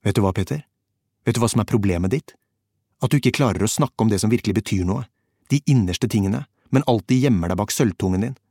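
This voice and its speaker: Bitter, blunt young soldier in an audiobook, cursing and accusing, read by a man; low, dry voice. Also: mellow, slightly rough, no room sound. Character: embittered young male soldier, shivering. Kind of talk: audiobook character voice.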